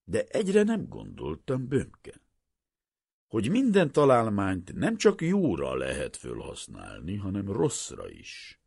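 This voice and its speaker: A man voicing an older, troubled professor who speaks slowly and solemnly, with earnest pleading. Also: on the low side, huge pitch swings, vocal fry, a little mellow, slightly rough, dry recording, studio quality, voice pushed up, exaggerated voice. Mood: grave. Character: older male professor, grave and troubled scientist.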